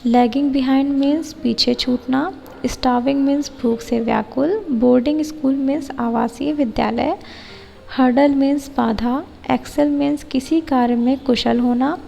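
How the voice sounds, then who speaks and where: Indian-accented woman tutor, high mellow voice, long reverb, faint music behind. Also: vocal fry. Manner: explanatory, slow read-outs of English lines. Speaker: teacher-training tutor. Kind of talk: explaining a lesson plan.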